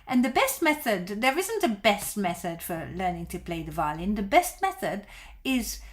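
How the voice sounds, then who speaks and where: A middle-aged violin teacher whose first language is Dutch chats on a live stream, answering viewers' questions reassuringly. Her medium-pitched voice is sing-song, and she speaks at a moderate pace.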